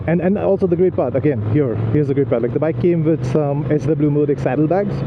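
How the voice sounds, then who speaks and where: Male motovlogger, informal and enthusiastic storyteller, dull in-helmet sound with clear motorcycle and road noise behind. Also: medium pitch. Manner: enthusiastic, informal, often doubles back on himself. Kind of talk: casual rambling vlog storytelling. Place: outdoors on a motorcycle, inside a helmet. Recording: muffled helmet mic, loud riding noise.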